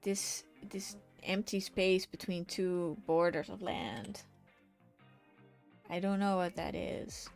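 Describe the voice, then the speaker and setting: A woman with a fairly low, slightly mellow voice and some vocal fry speaks slowly and steadily while streaming her painting. She chats casually, reacts to viewers with laughter, and half-whispers to herself as she works, over faint background music.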